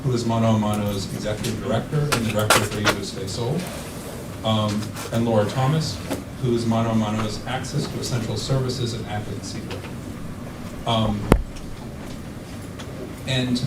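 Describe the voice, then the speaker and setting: Low-voiced man moderating in an echoey hall. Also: steady tone. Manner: halting, many fillers. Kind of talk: conference panel moderation. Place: large conference room. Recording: echoey hall, distant mic, loud background noise.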